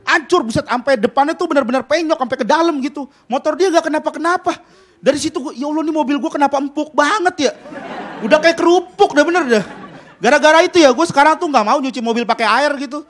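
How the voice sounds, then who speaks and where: A man performs stand-up comedy on a television studio stage. His voice is very high, and a faint audience can be heard behind him. He rants in a mock-indignant way. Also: quick pace, a bit bright, some chatter behind.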